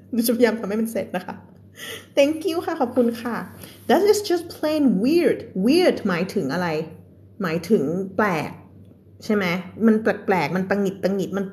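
A woman's voice: medium pitch, darkish tone. A young woman teaching English in a casual live stream, chatting and laughing with viewers between storybook passages.

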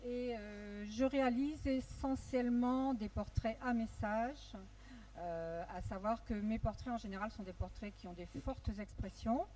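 A woman introducing herself on a live panel with halting, careful phrasing, into a handheld microphone. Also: fairly high pitch, dark tone. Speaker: photographer guest. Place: dark event stage. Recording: distant mic, faint venue noise.

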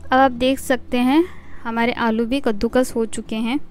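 A middle-aged woman guides a home cooking demonstration in a voice-over, walking through each step and naming the ingredients in turn. Her voice is smooth and clear and sits a touch high for a woman. Soft music plays faintly behind her. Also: flat delivery, normal speed. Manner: explanatory, instructive, lists ingredients one by one. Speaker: cooking show host.

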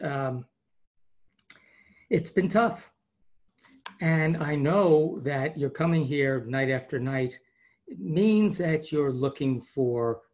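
A man who is a high-performance coach, presenting a webinar over a video call with enthusiastic, rambling delivery and frequent restarts. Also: vocal fry, breathy edge.

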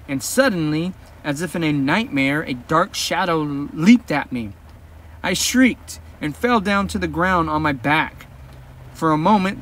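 A man narrating an audiobook in a measured, steady first-person storytelling voice. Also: fairly high pitch, recorded from a distance, a little hiss or hum. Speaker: audiobook reader.

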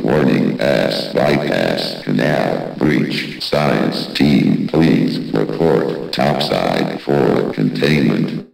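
A stern, mechanical facility announcer from a game, with words stitched together one at a time. The voice sits extremely deep and gravelly and moves very slowly. It rings out through an echoey intercom. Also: male voice, full character voice. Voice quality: spliced word-by-word robotic delivery. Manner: flat, clipped announcement phrasing. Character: automated facility PA announcer system, male, stern.

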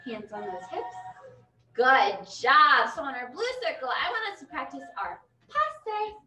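A woman's voice: sits high, unhurried. A young adult woman teaching a children's dance class in a broad, singsong, encouraging kids' theatre manner, energetically demonstrating as she talks. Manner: energetic, demonstrating moves while talking. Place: indoor dance studio, distant camera. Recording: echoey studio, distant mic, music behind.

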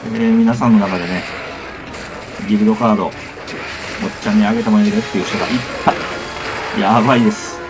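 A man's voice: lowish voice, wildly swooping pitch, fast, pauses often, rough recording. A man doing casual live game commentary, chatting to viewers and muttering to himself as he plays. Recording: loud game music behind voice. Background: game music and sound effects.

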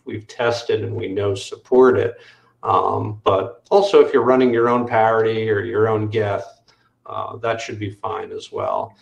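A man walking through software on a screen-share video call, explaining step by step with frequent fillers. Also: lowish voice, gravelly, echoey room. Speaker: developer demoing software. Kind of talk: technical screen-share walkthrough.

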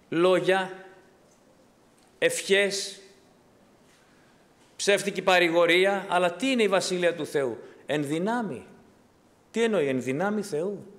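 A man with a notably high voice preaches with fervour, posing questions to his congregation and answering them. His words ring out with a long reverb from the church hall around him. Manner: impassioned preaching with rhetorical questions. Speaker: pastor. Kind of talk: sermon.

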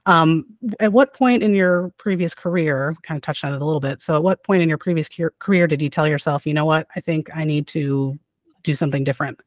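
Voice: medium pitch, a little fast, dry recording, studio quality. Chatty, affirming podcast host. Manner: chatty and affirming, many "um" fillers and backchannels. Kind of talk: casual podcast interview.

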